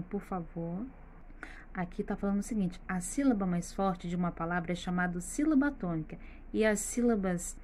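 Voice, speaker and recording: A woman's voice: mid-range voice, a little mellow. A woman with a Brazilian Portuguese accent, a primary school teacher giving a recorded remote lesson, who patiently stretches out words and speaks straight to the children. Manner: patient, slowly spells out words and addresses the children directly.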